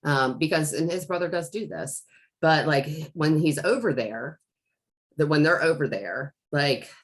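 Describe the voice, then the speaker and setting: Middle-aged woman, very low pitch, rambling conversational coach; casual podcast storytelling. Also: unhurried. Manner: rambling, with many restarts and fillers. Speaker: life coach.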